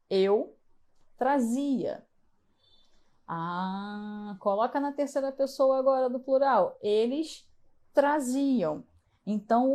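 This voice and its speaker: A woman's voice: on the high side, a little mellow. Portuguese teacher woman going over exam answers. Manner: explains step by step, with frequent "tá?" checks to students. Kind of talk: live exam review lesson.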